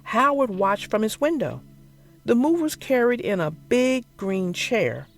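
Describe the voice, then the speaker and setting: This expressive read-aloud for small children comes from a storyteller with a mid-range voice and vividly swooping intonation. Faint music sits behind a performance that is deliberate and theatrical, shaped for a young audience.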